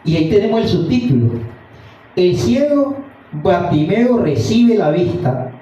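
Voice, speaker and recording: Fervent preacher, high-pitched man, echoey and distant. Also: big pitch swings, measured pace, dark tone. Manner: fervent, repeatedly addressing listeners as brother. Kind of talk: evening sermon with Bible reading. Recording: dull, roomy sound from a distant mic.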